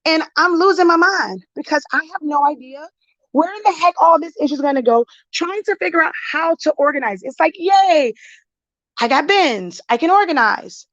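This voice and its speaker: High-voiced, exasperated chatty woman. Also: a little fast, fairly bright tone, no echo, highs cut off. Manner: frank, exasperated, chatty, swings pitch widely. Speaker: craft business educator. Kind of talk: casual vlog while sorting supplies.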